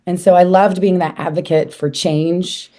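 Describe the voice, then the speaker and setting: A woman in her forties from South Dakota, hoarse from a cold, chatting as an interview guest with lots of fillers and restarts. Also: lowish voice, fairly even intonation, moderate pace, warm tone. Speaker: guest, association leader. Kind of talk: casual interview chat.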